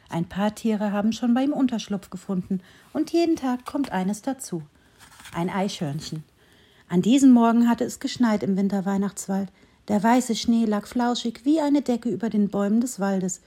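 A woman reading a children's Christmas story aloud in a calm, gentle way. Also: mid-range voice, normal speed.

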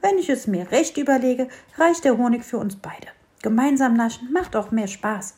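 Fussy little storybook sparrow, scolding, high; woman reads it. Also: moderate pace, mellow, close to an everyday voice. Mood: admiring. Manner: scolding, fretful. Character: small grumpy excitable sparrow.

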